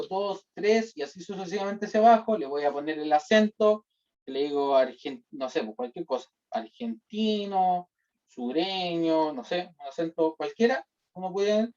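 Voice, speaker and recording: Brisk and lively in intonation, a high-pitched man with a dark tone and a Chilean accent lectures a university data-modeling class step by step. He checks on listeners after nearly every sentence with "¿ya?" and "¿cierto?", captured in a distant, dull lo-fi recording.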